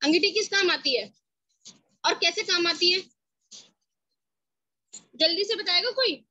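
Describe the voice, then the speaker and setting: High bright-voiced woman giving a motivational talk. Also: unhurried, dull audio. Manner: storytelling, asks the audience questions. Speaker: motivational speaker. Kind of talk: online team session talk.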